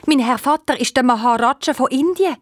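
Woman doing a sad owl princess, hoarse, high, Swiss German lilt, dry storybook read. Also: a little fast, no room sound, lightly acted. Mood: plaintive. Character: enchanted young princess turned owl, sorrowful.

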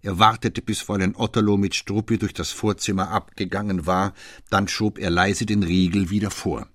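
Deep husky male audiobook narrator. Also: steady tone, no room sound, studio quality. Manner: measured literary narration. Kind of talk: audiobook reading.

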